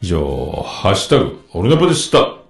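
A man's voice: sits low, huge pitch swings, fairly quick, faint music behind. A middle-aged man hosting a solo podcast, rambling casually and trailing off into mumbled asides.

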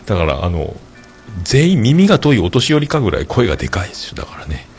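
A man talks casually on his podcast in a deep, gravelly voice. His pitch rises and falls widely as he rambles through stories, with frequent filler sounds between his phrases. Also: huge pitch swings, fast, darkish tone, faint music behind. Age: 40s. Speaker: podcast host. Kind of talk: casual podcast monologue reading listener comments.

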